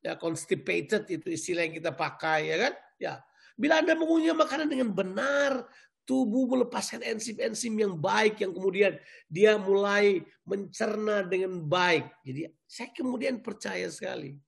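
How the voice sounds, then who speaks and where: A male pastor preaching a sermon in a lively, joking way, repeating key words back to the congregation. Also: sits high, normal speed, vocal fry.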